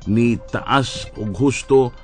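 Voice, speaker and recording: A man's voice: mid-range voice, slow, soft background music. Cebuano-accented man giving news commentary. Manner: wry, addresses listeners as friends. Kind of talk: broadcast commentary.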